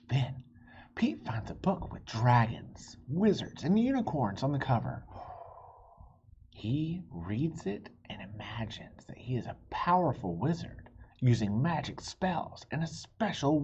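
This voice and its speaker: A woman with a very low voice reads a children's picture book aloud as a storybook host, expressive and speaking straight to young listeners with friendly asides. The recording is dull and lo-fi, with faint noise.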